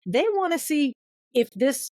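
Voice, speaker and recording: Animated woman telling a story. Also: a little slow, no room sound. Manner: animated, acts out quoted voices with big pitch jumps. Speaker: podcast guest, author. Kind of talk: casual storytelling interview.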